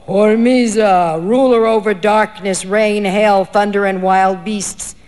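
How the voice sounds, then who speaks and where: A woman reading a story voices a man posing as a demon, speaking in a hollow, booming, threatening way. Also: darkish tone, in a large hall, lightly acted.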